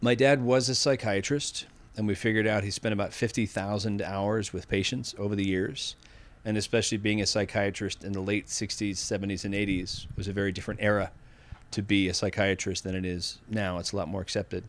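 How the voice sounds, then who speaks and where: A man's voice: fairly low pitch, little pitch movement, brisk, hardly any pauses. A man in his fifties from Massachusetts, a podcast guest speaking reflectively and candidly in casual conversation, often restarting his sentences. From Massachusetts, USA. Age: 50s.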